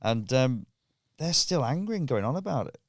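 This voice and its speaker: A man's voice: mid-range voice, very animated, normal speed, dry recording, clean studio sound. A man chatting casually on a podcast as a guest comedian, swearing freely and laughing often.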